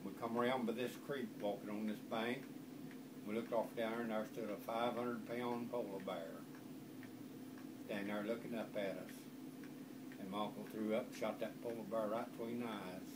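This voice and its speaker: Speaking at a moderate pace in a lowish, steady voice, an older man recounts family stories as a grandfather would, an informal, meandering country tale delivered in a folksy grandpa voice with a rural Southern American accent. A distant microphone picks him up over loud background noise.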